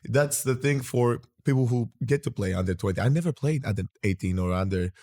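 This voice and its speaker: A man's voice: mid-range voice, animated, fairly quick, darkish tone. A man from Greece hosting a casual interview, talking in rambling sentences that often restart. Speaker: podcast host.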